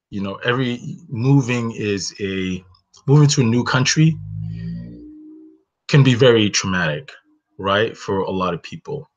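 A man in his thirties with a lowish voice, raised in Northern Nigeria and a native Hausa speaker, hosts a solo webinar from a small bedroom. He reflects earnestly on his own story, saying "you know" a lot. The close-framed webcam gives a dull, lo-fi sound.

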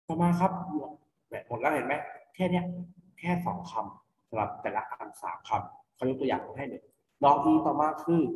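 A man's voice: medium pitch, darkish tone, slight background noise. A male teacher with a Thai accent giving an online phonics lesson to children, patiently spelling words letter by letter and answering his own questions. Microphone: computer mic for online class. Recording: echoey, reverberant room.

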